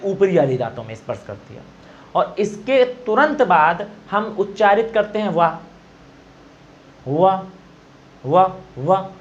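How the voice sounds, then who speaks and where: Male teacher, high voice, explains pronunciation by repeating sounds, slightly dull recording with faint noise. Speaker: Hindi exam teacher. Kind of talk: classroom-style explanation.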